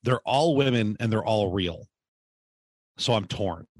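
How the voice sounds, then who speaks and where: A man with a somewhat low voice talks in loose, rambling podcast chat. He jokes crudely and circles back on himself. The sound is dry and close to the mic. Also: expressive, measured pace, darkish tone, no echo.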